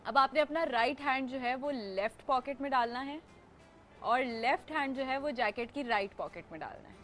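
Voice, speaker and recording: A woman from Pakistan hosts a relaxed talk show. Her voice sits a bit high and she keeps things playful, laughing often and slipping into English mid-sentence. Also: normal speed, faint music behind. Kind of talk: casual talk show chat.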